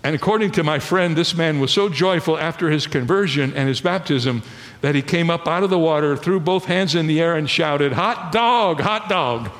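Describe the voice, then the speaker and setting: A middle-aged man preaching a sermon in a church, telling stories with animation and slowing down to stress key lines. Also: fairly high pitch. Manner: animated storytelling preacher, slows for emphasis. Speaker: pastor. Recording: long reverb of a large hall.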